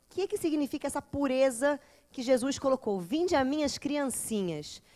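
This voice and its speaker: High-voiced woman teaching a class. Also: moderate pace. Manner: lively, acts out children and mothers. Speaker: teacher of a psychology course. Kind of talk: lecture to a class.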